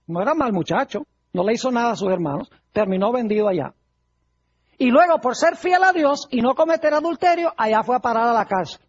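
A preacher delivering a sermon to a congregation, retelling Bible stories as a lively storyteller who acts out the quoted lines. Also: mid-range voice, husky. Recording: dull lo-fi recording.

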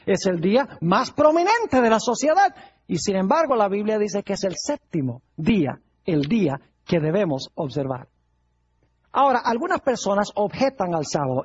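A man's voice: high-pitched, husky, highs cut off. A male pastor preaching a sermon, putting rhetorical questions to his congregation.

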